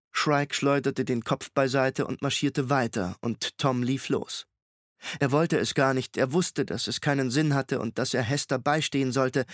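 A man reading an audiobook with measured, dramatic storytelling on a close studio mic. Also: medium pitch, no echo. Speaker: audiobook narrator. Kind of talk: scripted narration.

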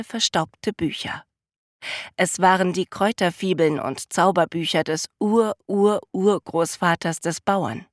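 Slow, calm woman reading a storybook. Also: fairly low pitch, no room sound, clean studio sound. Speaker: narrator. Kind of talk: storybook read-aloud narration.

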